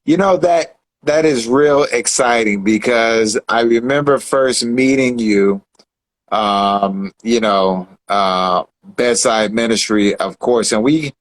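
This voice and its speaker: A man's voice: medium pitch, takes it slowly, low-quality recording. A man co-hosting a casual online show, talking enthusiastically and building hype over a video call. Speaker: co-host.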